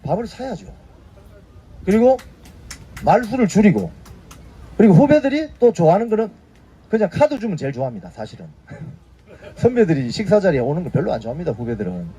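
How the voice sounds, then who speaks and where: A man's voice: high voice, very animated, a little fast, long pauses, mellow, a little hiss or hum. A man in his fifties hosting a casual news briefing, prodding his viewers with short tag questions. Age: 50s. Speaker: YouTube news briefing host. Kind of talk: casual spoken commentary.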